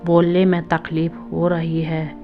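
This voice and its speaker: A woman voicing a sharp-tongued middle-aged mother-in-law who scolds and mocks, on a dull lo-fi track with faint music behind. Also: sits low, completely flat delivery, measured pace. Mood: scolding. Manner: scolding, mocking. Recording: dull lo-fi audio with soft music.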